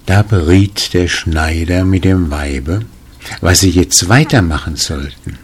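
A male storyteller reading a folk tale aloud with a deep, low voice. He takes his time, calm and measured, with an unhurried, steady delivery. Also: husky.

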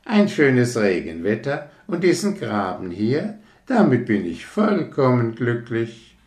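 A man's voice: medium pitch, very animated, slow pace, a little mellow, voice pushed up. A man doing a chatty little frog. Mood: content. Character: small contented pond frog, chatty. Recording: roomy echo.

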